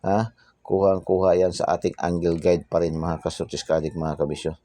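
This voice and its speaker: A very low-pitched man with a dark, mellow voice, chatting casually as a channel host. He keeps adding "ha?" and "no?" after his lines, in a dry, close recording. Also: steady tone, normal speed, no echo. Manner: chatty, repeats tag phrases and "ha?" constantly; drops into whispers for secret numbers. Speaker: lottery tip channel host.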